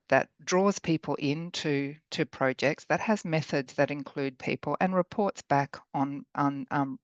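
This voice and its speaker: Croaky middle-aged woman, dull audio. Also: low voice, no room sound. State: hoarse after illness. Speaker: academic researcher giving a talk. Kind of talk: informal conference talk.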